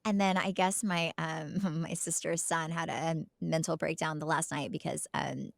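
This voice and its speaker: A middle-aged American podcast co-host from Oklahoma casually tells family stories in a rambling, emphatic, chatty way. She has a low, creaky voice with a level tone and moderate pace, heard in a dry, clean studio recording.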